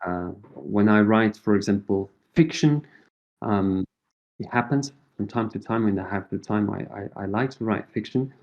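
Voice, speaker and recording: A middle-aged man, a native Portuguese speaker with a Portuguese accent, answers interview questions thoughtfully, using lots of fillers and restarts. He's an associate professor appearing as a guest. His voice is lowish and a little mellow at a normal speed, and the recording sounds lo-fi.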